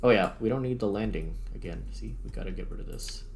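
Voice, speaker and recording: Here a man with a fairly low, slightly mellow voice talks fast, and a little hiss or hum can be heard. As the host and player of a gaming video, he mutters informally to himself while working through the game, with background music behind his let's-play chatter.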